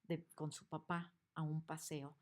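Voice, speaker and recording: A woman teaching a lesson on picture books, expressive and asking her listeners questions. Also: low voice, a little slow. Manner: expressive, acts out the examples, asks the audience questions.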